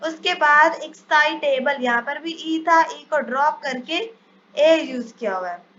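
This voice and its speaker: A woman teaching English spelling rules in a step-by-step lesson, reading each English rule out slowly before explaining it. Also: high-pitched, fairly bright tone. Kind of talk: spelling lesson over slides. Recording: dull lo-fi sound, faint hiss.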